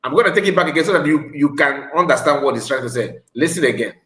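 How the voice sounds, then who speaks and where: A man's voice: fairly high pitch, animated, fast talker, pushed and bright. Nigerian guy doing reaction commentary, west african accent, emphatic, repeats himself, echoey room sound. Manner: emphatic, repeats phrases for stress. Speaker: online video commentator.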